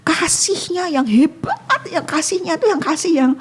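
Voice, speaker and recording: A woman's voice: extremely high pitch, normal speed. A woman giving an emotional testimony in casual talk, acting out her own prayers. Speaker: guest sharing a testimony.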